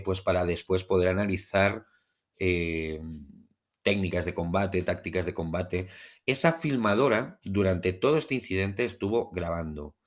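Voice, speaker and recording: A man with a Spain Spanish accent hosting a podcast monologue, speaking in a measured, formal way with literary phrasing, as in part-scripted narration. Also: low-pitched. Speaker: podcast host.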